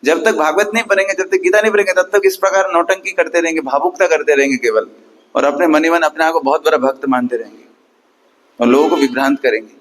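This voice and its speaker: A man's voice: a little high, quick pace, fairly bright tone, low-quality recording. A man giving a Sunday class sermon, emphatic and questioning his listeners, counting and chanting aloud at times. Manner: emphatic, rhetorical questions to the audience. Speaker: preacher.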